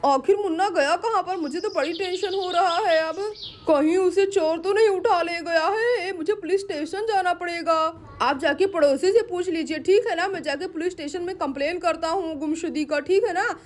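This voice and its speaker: A woman's voice: very high-pitched, moderate pace. A woman voicing a polite, reassuring family father in a doll play story. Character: man, calm family father.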